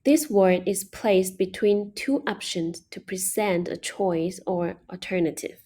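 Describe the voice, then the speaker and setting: A woman leads an online language lesson at an unhurried pace. Her voice is soft and mellow, and she patiently explains each step. She slowly models every example phrase. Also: medium pitch. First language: Mandarin Chinese. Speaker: Chinese language teacher.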